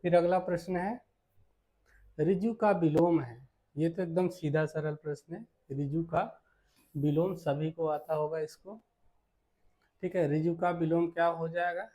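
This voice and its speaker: A male teacher works through exam questions at a very slow, deliberate pace. His voice sits a little high but sounds dark and mellow. He poses each question twice, answers it himself, and checks in often with "theek hai.". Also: fairly even intonation. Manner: slow and repetitive, asks then answers his own questions; frequent "ठीक है" check-ins. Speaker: Hindi teacher. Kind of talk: exam-prep lesson, solving multiple-choice questions.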